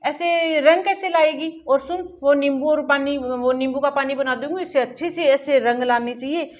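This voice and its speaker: A woman's voice: high voice, normal speed, natural voice. An actress playing a caring, motherly mother-in-law who soothes and fusses in a family drama. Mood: fussing. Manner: soothing and fussing. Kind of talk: amateur family short-film acting. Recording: dull lo-fi audio, soft music.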